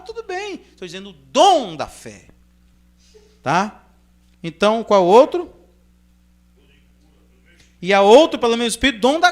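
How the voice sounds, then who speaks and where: A man with a Brazilian accent, reading scripture aloud in measured phrases and then explaining it in a loose, conversational sermon style. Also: extremely high pitch. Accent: Brazilian Portuguese. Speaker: preacher. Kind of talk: Bible reading and informal sermon commentary.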